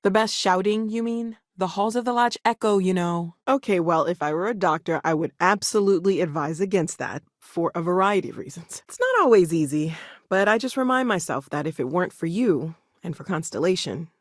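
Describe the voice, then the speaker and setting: A woman's voice: lowish voice, expressive, brisk, no room sound, studio quality, natural voice. A woman acting an earnest, curious and wry scientist in a video game, talking in a hesitant, thoughtful, natural way. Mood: friendly, wry.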